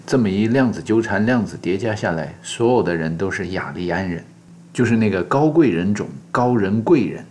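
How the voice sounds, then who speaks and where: A man's voice: fairly low pitch, expressive, moderate pace, darkish tone, a little hiss or hum. A man narrating in a wry, mock-scholarly joking manner, as if giving a satirical lecture.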